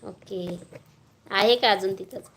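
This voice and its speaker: A woman's voice: medium pitch, slow pace, noisy background. A woman with a Marathi accent chatting casually on a live stream at home, greeting viewers by name and coaxing a small child.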